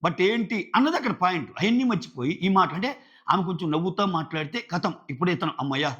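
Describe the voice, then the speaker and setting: A man, talking in a slightly high voice, reviews a show in loose casual commentary. He keeps slipping into quoted lines from the people he discusses. The sound is dull and lo-fi. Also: fast talker, breathy edge. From India. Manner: animated, acts out quotes of others.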